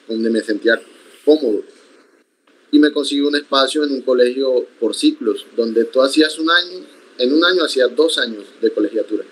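Joining from a room at home by video call, a young Colombian accordionist from the Sierra Nevada, a native Iku speaker, responds calmly to an interviewer in conversation. His medium-pitched speech is thoughtful and measured, with frequent restarts, and the recording is low-quality.

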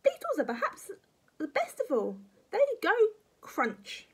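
A woman's voice: sits high, huge pitch swings, unhurried, fairly bright tone, a little hiss or hum, voice pushed up, heavily acted. A woman voicing a tiny, wicked old grandmother from a children's storybook, bossy, snappy and scolding. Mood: gleefully nasty.

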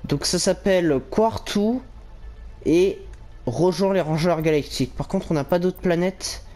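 Chatty young gamer, slightly high. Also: male voice, mellow, soft background music. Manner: chatty, rambling, lots of fillers and quick laughs. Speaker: gaming YouTuber. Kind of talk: casual let's-play commentary.

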